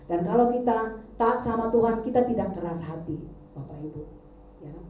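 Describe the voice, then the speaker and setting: A woman preaching a sermon in a conversational, animated way, turning to the congregation with asides. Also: mid-range voice, moderate pace, noisy background. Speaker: preacher, schoolteacher. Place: church service. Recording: echoey church hall.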